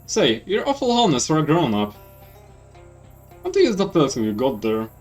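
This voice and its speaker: Man doing a country boy, game character, folksy boastful drawl, high lively voice. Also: normal speed, distant mic, faint music behind. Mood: cheeky.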